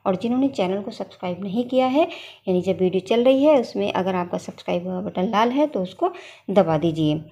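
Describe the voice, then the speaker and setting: A woman's voice: medium pitch, lively intonation, fairly quick, dark tone. A middle-aged woman teaching a Hindi grammar lesson, patiently sounding out syllables and asking the children to repeat after her.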